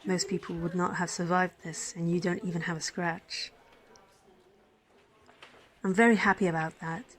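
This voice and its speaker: A roleplay performer voices a tender, soothing female emergency physician who is shy and affectionate toward a crash patient she cares for, in one-sided intimate ASMR. Flustered, she drops into breathy whispers. Her natural voice is lowish and steady at normal speed, with long pauses.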